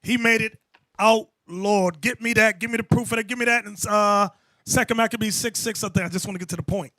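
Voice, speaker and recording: Male bishop teaching a Bible class, commanding, bright and high, dry room. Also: steady tone, fast talker, no echo. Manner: commanding, calls out verses and explains each one. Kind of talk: preaching Bible lesson.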